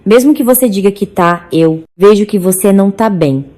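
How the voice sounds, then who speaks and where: A woman voicing a gentle, self-effacing elderly mother, speaking low and quiet in a narrated story. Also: normal speed, natural voice.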